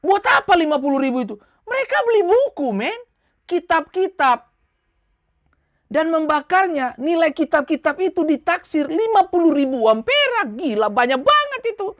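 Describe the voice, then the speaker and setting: High-voiced woman preaching emphatically. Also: sing-song, normal speed, no room sound, clean studio sound. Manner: emphatic, scolding rhetorical questions; acts out quoted voices in short skits. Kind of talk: sermon.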